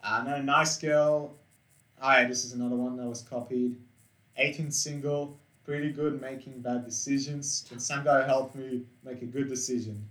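An eighteen-year-old co-host reads dating profiles aloud in casual, laid-back banter, swearing freely. His medium-pitched voice is steady and a bit bright at normal speed. The mic is distant, and the room is echoey.

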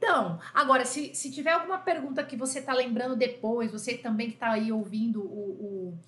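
A woman's voice: a little high, a little fast, a bit bright, reverberant. Chatty Brazilian woman teaching French. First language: Portuguese. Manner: chatty, affectionate, full of "tá?" checks. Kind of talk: live online French lesson.

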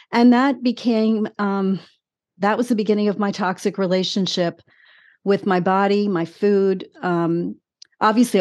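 A woman's voice: mid-range voice, a little mellow. A woman in her sixties giving candid personal testimony as an interview guest, telling her story emphatically with short repeated phrases. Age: 60s.

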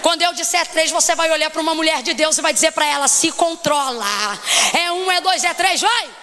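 A woman preaches with fervent emphasis. Her voice sits very high and rings bright. She keeps firing questions at the congregation and climbs into shouts. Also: fairly even intonation, a little fast. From Rio de Janeiro, Brazil. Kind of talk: Pentecostal sermon.

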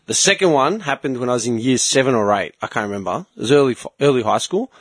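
A man's voice: medium pitch, animated, fast talker, dry recording. Sweary man telling a story. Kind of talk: casual chat.

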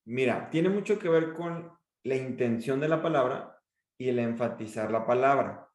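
A man with a Mexican accent, a speaking coach who gives advice and acts out his examples in an expressive way during a podcast interview. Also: moderate pace, echoey room. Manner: expressive, demonstrates pitch and emphasis.

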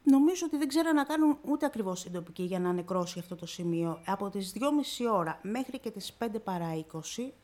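A woman's medium-pitched, darkish voice runs on expressively with hardly any pauses as she recounts her personal story on radio. Emotional and vivid, she performs the quoted exchanges with a steady stream of "I say, she says."

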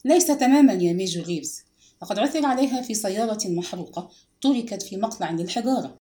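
A woman voicing a gentle, weary police inspector. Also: mid-range voice, lively intonation, quick pace, natural voice. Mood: grave, gentle.

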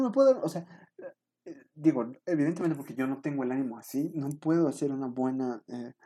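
A man's voice: mid-range voice, warm tone, breathy edge. A young man with a Mexican accent telling a rambling, self-mocking story to his viewers, full of fillers. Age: young adult. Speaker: vlogger.

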